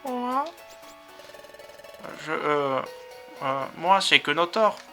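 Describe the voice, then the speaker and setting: A man's voice: a little high, sing-song, drawn-out words, sharp tone, soft background music, pitched above the performer's own voice, full character voice. Video game voice: male let's-player as a naive, eager Pokémon, stammering and folksy.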